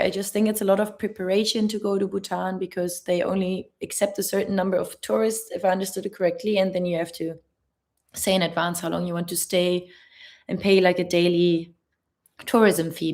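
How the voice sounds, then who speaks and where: A woman's voice: lowish voice, fairly even intonation, fairly quick, darkish tone. A young woman with a German accent, a travel vlogger answering chat questions on a live stream in a chatty, laughing, careful way.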